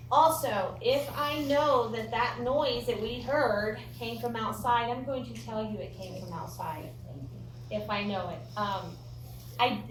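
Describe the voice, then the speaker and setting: American female ghost tour guide, informal and jokey storyteller, fairly high voice, picked up from afar with clear noise. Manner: folksy, joking, chatty storytelling. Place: indoor room of an old theatre. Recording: roomy echo, distant mic, clear background noise.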